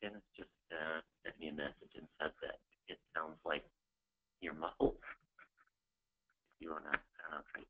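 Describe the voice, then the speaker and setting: A man's voice: rumbling low, little pitch movement, measured pace, pauses often. A man making a hesitant aside, muffled and distant as if heard through a wall. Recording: dull lo-fi audio, heard from far off the mic.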